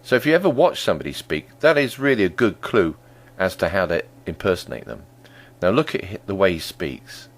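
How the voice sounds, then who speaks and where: A man explaining voice impression technique in a calm, conversational tutorial. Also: low-pitched, fairly quick. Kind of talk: instructional tutorial.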